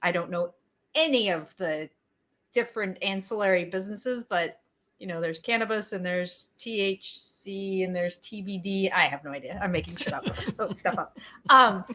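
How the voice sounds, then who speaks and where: A woman's voice: mid-range voice, normal speed, bright, forceful tone. A woman co-hosting a business podcast, telling stories in a chatty, casual way. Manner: chatty storyteller, laughs easily. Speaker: podcast co-host.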